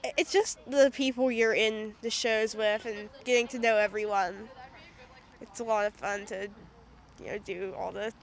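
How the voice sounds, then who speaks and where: A woman's voice: mid-range voice, fairly even intonation, moderate pace. A woman cast member outdoors, answering in a plain, matter-of-fact way. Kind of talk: casual interview answers. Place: outdoor theatre stage.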